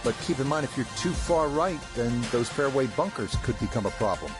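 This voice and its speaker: A man calling golf play-by-play as a broadcast commentator, in a measured, informative way. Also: medium pitch, animated, close to an everyday voice. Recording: music and crowd behind voice. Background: music and outdoor crowd ambience.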